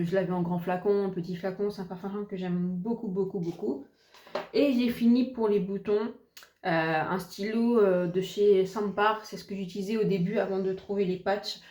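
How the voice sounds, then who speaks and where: A woman's voice: mid-range voice, fairly even intonation, moderate pace, mellow. A woman reviewing finished beauty products in a chatty, hesitant way, full of fillers and restarts. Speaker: beauty vlogger. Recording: echoey room.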